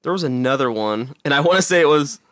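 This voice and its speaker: Rambling, laughing young podcast host. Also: male voice, medium pitch, animated, fast talker, a bit bright, no echo, clean studio sound. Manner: laughs often, rambling with many fillers. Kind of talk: casual podcast chat.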